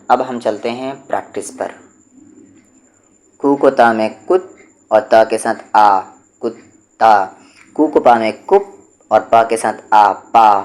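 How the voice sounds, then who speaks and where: A man teaching an Urdu reading lesson, going slowly and patiently, repeating each rule and sounding out syllables one by one. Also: on the low side, darkish tone. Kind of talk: step-by-step spoken lesson.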